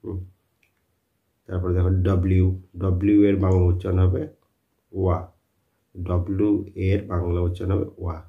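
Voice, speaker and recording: A man's voice: deep voice, level tone, normal speed, long pauses. A man teaching a spoken lesson, who repeats his points and answers his own questions. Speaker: English teacher. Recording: dull lo-fi sound.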